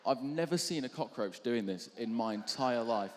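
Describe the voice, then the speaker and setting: A young man works through a stand-up routine into a stage microphone, rambling and self-deprecating, pausing on ums. His voice is of middling pitch. It carries the long reverb of a large hall. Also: lively intonation, noisy background. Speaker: comedian between acts.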